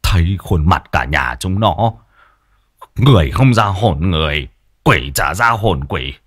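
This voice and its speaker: Man playing a cowardly old husband, coarse, stammering, low husky voice. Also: lively intonation, measured pace, a bit bright, full character voice. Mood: frightened. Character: frightened crude old village husband.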